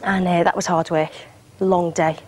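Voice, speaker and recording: A woman's voice: fairly low pitch, little pitch movement, moderate pace, a little mellow, slight background noise. A woman in her twenties, a guest singer and actress, chatting casually and laughing easily in a television studio. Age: 20s. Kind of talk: casual chat on breakfast television.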